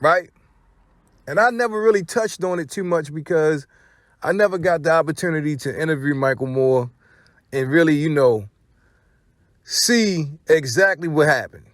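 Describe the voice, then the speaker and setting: An American commentary channel host dishes casual gossip, using profane slang and throwing out rhetorical questions. His voice is on the high side, moderately paced with frequent pauses, and the studio-quality recording has no echo.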